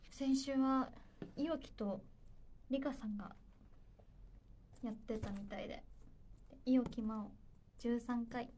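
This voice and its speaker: A woman's voice: fairly high pitch, darkish tone. A young woman hosting a casual livestream, chatty and a little nervous, giggling as she reads viewer comments. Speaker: idol livestream host.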